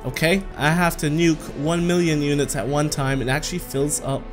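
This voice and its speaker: Faint music plays behind a man in his thirties as he hosts a gaming video, offering casual, playful commentary. He talks to the game and chuckles often, with a fairly high, level voice at normal speed.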